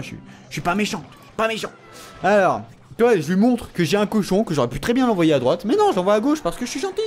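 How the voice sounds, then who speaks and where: A young man chats through his match in a high, animated voice that leaps up and down in pitch. He teases and trash-talks his opponent playfully and laughs often. Faint music plays under him. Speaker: gaming channel host. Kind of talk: casual gameplay commentary.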